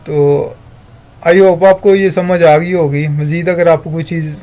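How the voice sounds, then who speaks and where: A man gives a recorded grammar lesson in a fairly high voice. He moves step by step, asking questions and answering them himself. He slows right down to read each English example sentence carefully. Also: fairly even intonation, dark tone. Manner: explains step by step, asks and answers his own questions.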